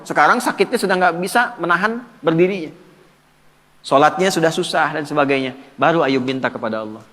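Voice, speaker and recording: A man giving a religious lecture, lively, asking the audience questions and answering them himself. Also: fairly high pitch, big-room sound. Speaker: preacher.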